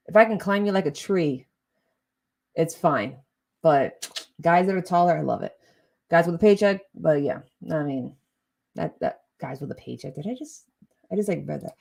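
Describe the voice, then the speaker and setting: Chatty woman streamer, lowish voice. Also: animated, creaky, a little mellow. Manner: chatty, rambling, quick swings into laughter and exasperation. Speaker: live streamer. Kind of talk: casual live stream chat.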